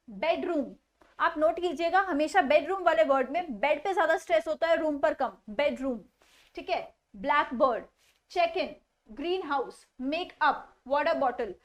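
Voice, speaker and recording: High-voiced woman teaching grammar. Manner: mixes Hindi explanation with slow deliberate English. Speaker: English teacher. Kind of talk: online grammar lesson.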